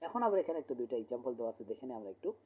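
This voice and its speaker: A man teaching an English pronunciation lesson, explaining step by step, asking questions and answering them himself, and repeating words slowly to show how they sound. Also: mid-range voice, sing-song, mellow, slightly rough. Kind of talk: classroom lesson. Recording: tinny phone-like audio.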